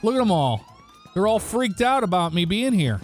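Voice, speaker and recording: A man's voice: sits high, very animated, normal speed, slight background noise. A man giving casual, joking let's-play commentary, talking back to the characters in the game. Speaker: gaming YouTuber.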